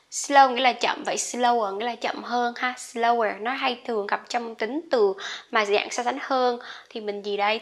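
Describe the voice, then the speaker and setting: A woman whose first language is Vietnamese, teaching English pronunciation in a relaxed online lesson. Her voice sits a little high and sounds bright. She chats through the examples and calls out each practice word clearly. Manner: chatty, models English words loudly.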